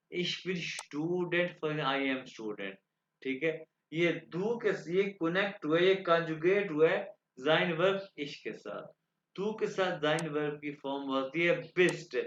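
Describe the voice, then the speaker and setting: A man teaching a language lecture. He explains slowly and repeats himself, stopping often to check that the students follow. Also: on the high side, fairly bright tone. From Pakistan. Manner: slow and repetitive, checking understanding with the students. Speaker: German teacher. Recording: echoey room, dull lo-fi sound.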